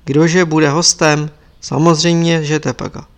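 An eager, chattering middle-aged woman fusses kindly over others, voiced by a man reading a story. The voice is a little high for a man. It is a storybook reading. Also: flat delivery, lightly acted. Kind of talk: audiobook character reading.

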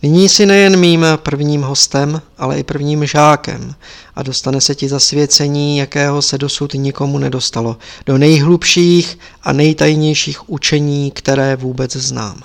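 A man reading a story aloud voices a wise old lama teacher, speaking gravely and instructively in a storybook style. His voice sits a little high for a man, with a steady tone and a tender mood.

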